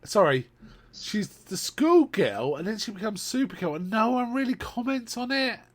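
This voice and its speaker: A man co-hosting a podcast, retelling a film's plot in lively casual chat with asides. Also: high-pitched, moderate pace, no room sound. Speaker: podcast co-host. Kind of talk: casual film recap chat.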